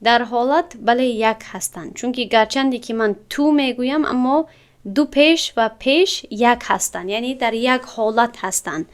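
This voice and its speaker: A woman's voice: a little high, clear, resonant tone. A woman teaching Arabic grammar in a classroom, explaining step by step and asking her students questions. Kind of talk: classroom lesson.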